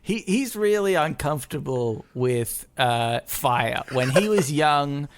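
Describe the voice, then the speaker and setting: A man's voice: a little high, expressive, takes it slowly. A man chatting casually and riffing comedically as a podcast host, often giggling through his sentences.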